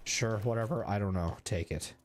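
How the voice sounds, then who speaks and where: A young man with a fairly low voice streams a video game, chatting casually into a desk mic at a moderate pace. His gameplay commentary rambles and is full of filler words, with slight background noise in the recording.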